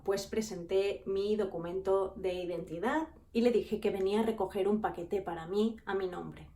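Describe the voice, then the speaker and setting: A woman tells her everyday anecdotes straight to the camera. Her voice sits at a middling pitch, and she talks in a lively, expressive way. She likes to act out the people in her stories. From Spain. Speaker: vlogger. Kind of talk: storytelling anecdotes.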